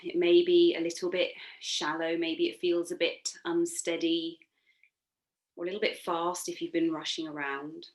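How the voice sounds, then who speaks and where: Leading a guided relaxation meditation, this female yoga instructor speaks at a moderate pace in a lowish, flat voice. Her manner stays soothing and gently encouraging, never forced.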